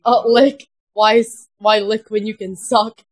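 A woman's voice: mid-range voice, level tone, measured pace. A young woman at a sleepover, chatting casually while watching a movie, laughing often and swearing freely. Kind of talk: casual chat. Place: home at a sleepover.

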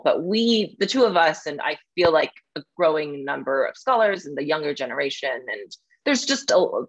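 A woman's voice: sits low, fairly bright tone, highs cut off. A woman hosting an interview as a scholar, speaking thoughtfully and hedging her points with frequent fillers. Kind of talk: conversational interview.

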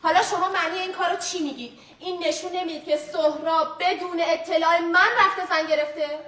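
A woman's voice: extremely high pitch, fairly even intonation, fairly bright tone. An actress playing a suspicious young wife who insists her husband has secretly married, in a stage comedy. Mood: complaining. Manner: accusing, insistent. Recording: distant echoey stage recording.

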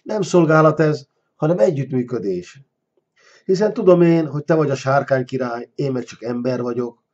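A man voicing a scheming, flattering deposed king who wheedles and bargains, on a dull lo-fi recording. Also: mid-range voice, close to an everyday voice. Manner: wheedling, sly.

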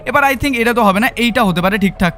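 A man with a Bengali accent giving excitable let's-play commentary as a gaming YouTuber, mixing in English phrases and shouting when startled. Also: high voice, quick pace, faint music behind.

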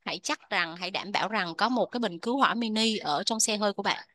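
A woman with a Vietnamese accent teaching English vocabulary, repeating each word slowly before explaining it. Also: mid-range voice, sharp tone, no room sound. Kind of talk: vocabulary lesson.

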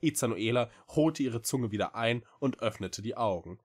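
A man reading a novel aloud in an expressive, theatrical narrating style. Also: mid-range voice, normal speed. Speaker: storybook reader.

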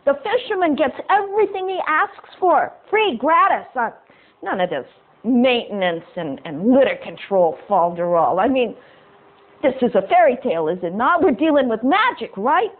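A woman's voice: on the high side, big pitch swings, moderate pace. A woman voicing a poor, complaining fisherman who talks in a casual, folksy, whiny way. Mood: protesting. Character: poor, complaining working-class fisherman, gruff. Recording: tinny phone-like sound.

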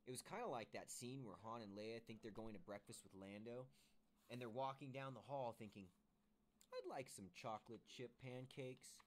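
A man reading a children's book aloud to his kids with expressive storytelling. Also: mid-range voice, fairly quick, slight background noise.

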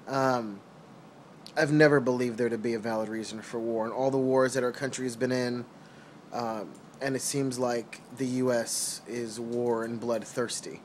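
A young man from New York City giving his earnest, halting opinions in a casual vlog, recorded on a phone held close while lying on a couch at home. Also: medium pitch, steady tone, slight background noise. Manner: earnest, hesitant with many ums and restarts. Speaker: vlogger. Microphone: phone camera held close.

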